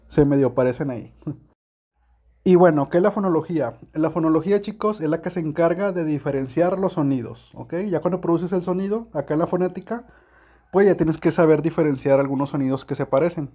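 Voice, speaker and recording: A man explaining a language lesson in a casual, chatty way, with many fillers and soft laughs. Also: fairly high pitch. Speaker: English teacher.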